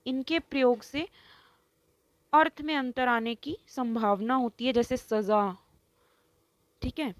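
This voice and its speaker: A woman's voice: on the high side, no room sound. A woman teaching Hindi grammar in an online lesson. She explains step by step, pronounces each example word distinctly and keeps checking in with her students. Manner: slow, explains step by step, keeps asking "ठीक है".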